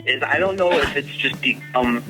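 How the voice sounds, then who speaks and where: A man's voice: mid-range voice, normal speed, music in the background, rough recording. A young man co-hosting a casual podcast, speaking hesitantly with many fillers and restarts. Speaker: podcast co-host. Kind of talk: casual sports podcast chat.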